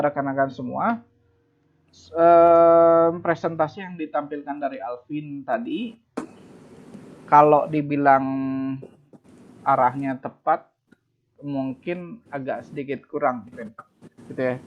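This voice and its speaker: A lecturer giving a student feedback over a video call, his voice a little higher than most men's. The audio is dull and lo-fi. He drops English phrases into his sentences and pauses often on fillers. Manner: mixes English phrases into speech, many fillers. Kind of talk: online class feedback.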